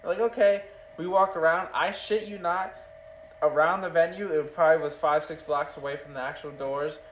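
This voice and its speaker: A man's voice: a little high, fairly even intonation, a little fast, fairly bright tone. A young man chats away on his podcast, rambling through a story with loose, swear-laced talk. The mic sits some distance away in an echoey room, with a faint hum of ambience behind him. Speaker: podcast host. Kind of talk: casual chat.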